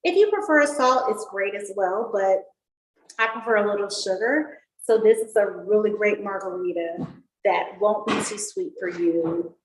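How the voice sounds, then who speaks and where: A woman's voice: medium pitch, moderate pace. Chatty woman teaching cocktails in an echoey room. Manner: chatty, upbeat, explains while mixing. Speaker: mixology instructor. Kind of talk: casual online cocktail class. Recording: echoey room with faint noise.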